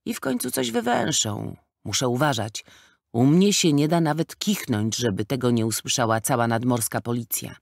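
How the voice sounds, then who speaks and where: A man's voice: medium pitch, animated, moderate pace, gravelly, dry recording, clean studio sound. A man voicing a fat, sly, scornful middle-aged gangster in a storybook reading, sneering and threatening.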